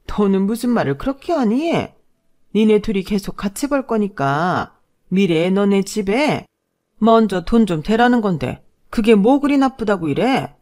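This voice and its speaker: A woman's voice: mid-range voice, lively intonation, a little slow, a little mellow, voice pushed up, natural voice. A woman voicing a scheming middle-aged mother-in-law who scolds with open contempt, in a told story. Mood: scornful scolding. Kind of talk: storytelling with acted dialogue.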